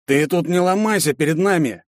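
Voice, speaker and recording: A man's voice: a little high, a little fast, dry recording, voice pushed up, lightly acted. Guy doing a nasal sneering young street punk, audiobook, dry close sound. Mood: mocking. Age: young adult. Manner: menacing, mocking. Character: nasal red-haired young male street thug. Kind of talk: audiobook character voice.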